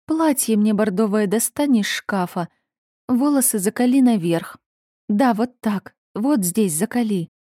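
A woman's voice: mid-range voice, expressive, warm tone, dry recording, studio quality, pitched above the performer's own voice. A woman voicing a hysterical, melancholy young noblewoman who sobs and lashes out. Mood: distraught. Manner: sobbing, drawn-out, raised outbursts.

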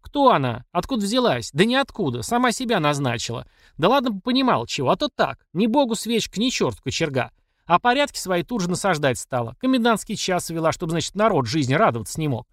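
Older village matron, bossy and folksy, high and lively, read by a man, dry close sound. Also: fairly quick, dry recording. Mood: scolding. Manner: scolding, folksy, rallying. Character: bossy older village woman, outspoken orator.

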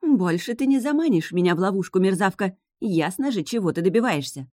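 A woman's voice: expressive, fairly quick, darkish tone, no room sound, studio quality, natural voice. Woman voicing a haughty sea witch. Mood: suspicious. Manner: sarcastic, shrill outbursts.

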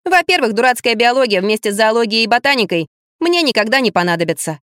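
A woman reading an audiobook, voicing a bratty, sharp-tongued teenage girl in a shrill, indignant voice. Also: very animated, fast talker, smooth, dry recording, studio quality. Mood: teasing. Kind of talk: audiobook character voice.

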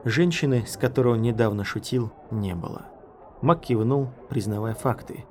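Man, audiobook narration, measured storytelling, faint noise behind. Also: mid-range voice, a little mellow.

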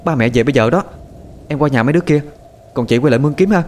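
A man voicing a panicked young older sister who searches for her brother, pleading in a high, frantic voice. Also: racing, darkish tone, lightly acted. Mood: worried.

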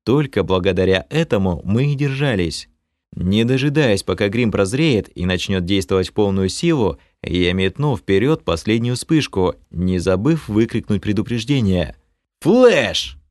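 A man reading a fantasy audiobook in the first person, animated and expressive. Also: lowish voice, moderate pace, dry recording, clean studio sound. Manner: animated reading with lively shifts of tone. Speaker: audiobook narrator.

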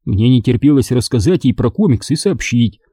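A man reading a children's book aloud as scripted narration, in a lively way. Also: normal speed, husky, no echo, clean studio sound. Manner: lively reading, raised pitch for the boy's shouted lines. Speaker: audiobook reader.

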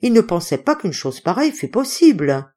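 A woman reading a novel aloud as an audiobook, in an expressive, lively way, raising her voice for the townsfolk's cries. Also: medium pitch, moderate pace. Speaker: audiobook reader.

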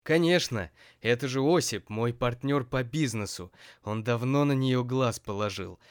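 A man voicing a furious, jealous young prisoner who shouts threats in an audiobook. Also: medium pitch, measured pace, clean tone, no room sound, clean studio sound, pitched above the performer's own voice, close to an everyday voice. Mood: enraged.

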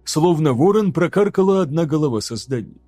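Чтец-мужчина, мягкий тёмный тембр, размеренное драматичное чтение, тихая музыка фоном. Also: male voice, on the high side, animated, warm tone, dry recording, soft background music. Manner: measured, dramatic reading. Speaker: audiobook narrator. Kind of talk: scripted narration.

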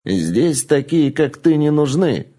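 A man voicing a gravelly, stern old madam. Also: medium pitch, sing-song, unhurried, a little mellow, exaggerated voice. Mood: contemptuous. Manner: cold, commanding, clipped orders. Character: harsh, scheming old woman brothel keeper. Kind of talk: audiobook character voice.

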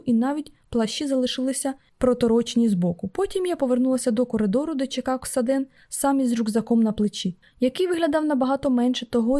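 A woman narrating a novel in a measured, expressive reading style. Her voice sits a little high for a woman but sounds mellow and warm rather than bright. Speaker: audiobook narrator. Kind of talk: scripted narration.

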